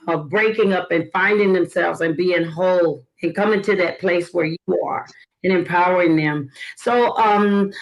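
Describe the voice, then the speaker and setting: A woman's voice: medium pitch, rough recording. A woman hosting an online chat, asking guests questions in a familiar, slangy way. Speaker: host. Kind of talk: casual chat.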